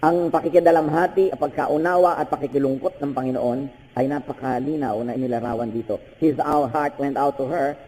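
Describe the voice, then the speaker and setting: Older Filipino pastor, sermon, warm mellow voice, fairly high pitch, long hall reverb. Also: male voice. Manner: animated preaching with sudden high-pitched bursts; switches between Tagalog and English.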